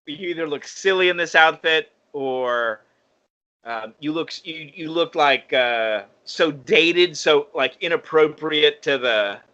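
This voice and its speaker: Bright-voiced man, lo-fi podcast. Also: a little high, a little slow. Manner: analytical, self-correcting. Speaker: podcast co-host. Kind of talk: casual chat.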